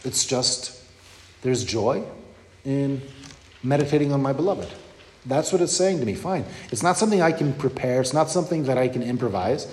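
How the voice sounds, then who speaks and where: A man preaching a sermon in a relaxed, conversational way, often pausing to check that his listeners follow. His mid-range voice rings through a large, echoey hall with a long reverb tail. Faint room noise sits underneath. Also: medium pitch. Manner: conversational teaching with frequent "okay?" and "you know".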